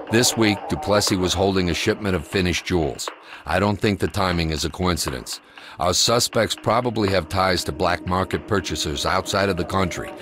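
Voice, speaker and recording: A man playing a grave, commanding American SWAT commander, delivering a measured, matter-of-fact mission briefing for a video game. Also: low-pitched, noisy background, close to an everyday voice. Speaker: police tactical commander.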